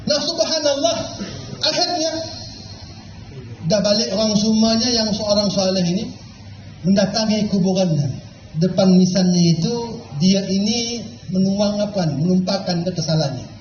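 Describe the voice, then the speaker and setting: Man, animated sermon storyteller, high voice, chants Arabic verses slowly. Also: a little hiss or hum. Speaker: preacher. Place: religious gathering. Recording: echoey hall with muffled sound.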